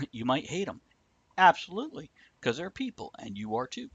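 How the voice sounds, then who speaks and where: The host of a live talk show, a man with a fairly high, very animated, sharp and husky voice, speaks at a moderate pace, and the recording's highs are cut off. He chats casually with live viewer comments, blunt and opinionated, swearing freely.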